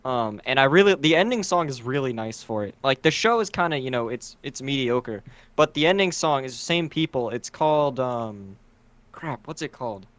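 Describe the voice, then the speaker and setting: Smooth-voiced man rambling about anime songs. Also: mid-range voice, lively intonation, moderate pace, a bit bright, no room sound. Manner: rambling, searching for words. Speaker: podcast co-host. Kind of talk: casual chat.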